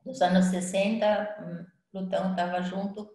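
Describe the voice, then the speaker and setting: A woman's voice: mid-range voice, little pitch movement, measured pace, warm tone. Older woman lecturing in an echoey room. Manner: conversational, frequent tag questions and fillers. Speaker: astrologer giving a talk. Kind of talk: live online talk. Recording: very roomy sound.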